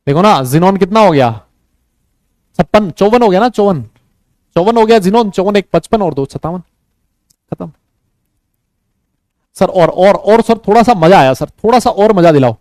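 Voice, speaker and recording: A man with a high-pitched voice teaches a chemistry class in a lively, bantering way. He tags almost every sentence with a quick checking question and urges the students to speak up. The recording is dry and close, with little room sound. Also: no room sound. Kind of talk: classroom lecture.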